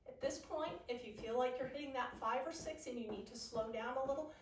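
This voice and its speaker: A female aerobics instructor with a fairly high voice, heard in a very echoey room. She guides a follow-along workout, cueing and counting moves with encouragement, a little way off from the mic. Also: brisk, distant mic, a little hiss or hum. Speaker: aerobics instructor leading a low-impact workout.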